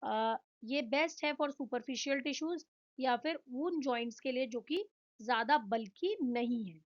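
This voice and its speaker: Slow and high-pitched, an Indian-accented woman teaches physiotherapy, switching between Hindi and English. Her explanatory lecture is built on questions followed by listed answers, and the recording is muffled.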